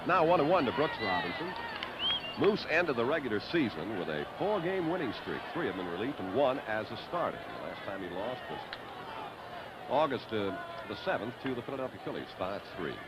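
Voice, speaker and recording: A man calling baseball play-by-play in a classic, measured announcer style, on old 1970s broadcast audio. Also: mid-range voice, sing-song, over a noisy crowd. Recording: dull, noisy vintage 1970s broadcast audio. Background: loud stadium ambience and noise.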